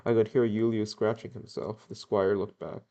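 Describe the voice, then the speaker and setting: A man's voice: lowish voice, little pitch movement, normal speed, dark tone, lo-fi sound. A young man reading a novel aloud in a plain way, with occasional stumbles and self-corrections. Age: young adult. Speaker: reader.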